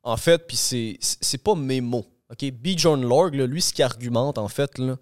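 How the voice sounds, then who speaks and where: A man's voice: mid-range voice, normal speed, no room sound, studio quality. A man with a Québécois accent co-hosting a podcast, arguing his point in a loose, filler-heavy way. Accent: Québécois French. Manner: argumentative, loose, full of fillers like "là" and "ok". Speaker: podcast co-host. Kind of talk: casual podcast discussion.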